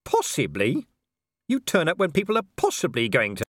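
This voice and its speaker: A man voicing Vimes, a guard captain, in a higher, urgent and incredulous tone in an audiobook. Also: huge pitch swings, normal speed, husky, no room sound, studio quality, full character voice. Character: anxious male city guard captain Vimes. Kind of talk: audiobook character voice.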